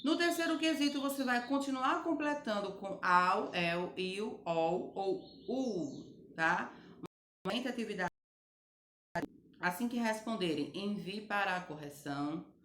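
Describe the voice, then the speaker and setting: A woman teacher giving a recorded grammar lesson to children, slowly and patiently spelling out each word. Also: medium pitch, a bit bright, reverberant, a little hiss or hum. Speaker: primary school teacher.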